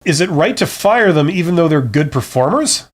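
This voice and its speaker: A middle-aged man talks loosely through viewer questions on a live stream, mixing jokes with practical advice. He reads each question aloud and slips into quick bits of quoted speech. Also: on the high side, animated. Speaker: host answering viewer questions.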